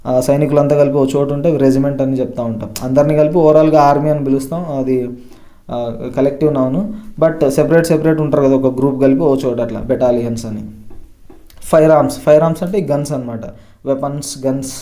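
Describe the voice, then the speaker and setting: A man teaches English vocabulary at a steady pace. His voice is mellow and dark at a middle pitch, and he stresses each new word before he explains it. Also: fast talker. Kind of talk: vocabulary lesson explained in Telugu.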